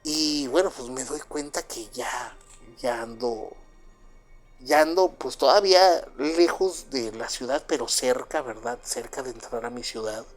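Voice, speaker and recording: Speaking unhurriedly in a mid-range voice, a Mexican-accented man recounts a true first-person story. He rambles, constantly dropping in "pues" and asking "¿verdad?".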